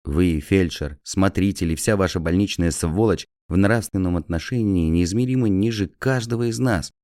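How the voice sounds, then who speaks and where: A man voicing an agitated male asylum patient who shouts bitter accusations. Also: sits low, moderate pace, no echo, studio quality, voice pushed up, natural voice. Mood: indignant.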